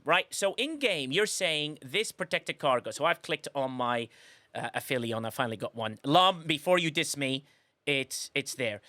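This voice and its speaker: A man's voice: on the high side, pushed and bright, no room sound. A man hosting a casual live-stream podcast, chatty and effusive, rambling with frequent restarts. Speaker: podcast host.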